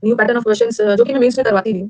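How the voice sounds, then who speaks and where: A middle-aged woman, teaching vocabulary in a lecture and drilling words with quick repetition and questions to her students. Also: fairly high pitch, steady tone, a little mellow, dry recording, poor audio.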